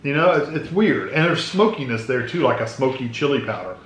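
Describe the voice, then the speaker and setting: Middle-aged American man, relaxed taste-test talk between crunchy bites, recorded in an echoing room with background noise. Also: mid-range voice, a little fast. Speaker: snack reviewer. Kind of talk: casual taste-test chat. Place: small indoor room at a table. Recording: roomy echo, clear background noise.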